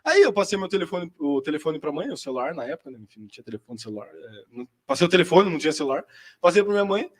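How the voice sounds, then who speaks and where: A young Brazilian man with a fairly high voice tells a personal story at a quick clip. His delivery is chatty and slangy, packed with casual fillers. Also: sing-song. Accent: Brazilian Portuguese. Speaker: seminarian giving a vocation testimony.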